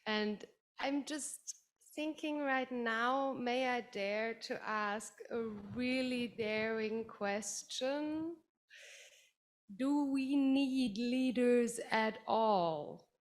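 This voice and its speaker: Slow, polite woman asking a question. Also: a little high. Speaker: audience member asking a question.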